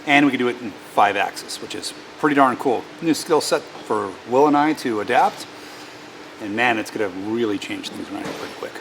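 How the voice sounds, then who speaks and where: A man's voice: mid-range voice, a little fast, vocal fry, background noise. A man chatting casually in a machine shop, rambling with fillers and restarts as he shows off new equipment.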